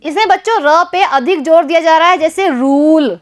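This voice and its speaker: A woman teaching a primary school Hindi lesson, speaking to young pupils and stressing each syllable with care. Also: extremely high pitch. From Rajasthan, India. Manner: addresses pupils repeatedly, stresses syllables slowly and deliberately. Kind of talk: classroom lesson for young children.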